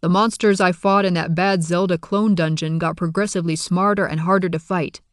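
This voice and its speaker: A man's voice: high voice, steady tone, a little fast, no echo, studio quality. A man reading a first-person audiobook with wry, casual humor. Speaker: audiobook narrator.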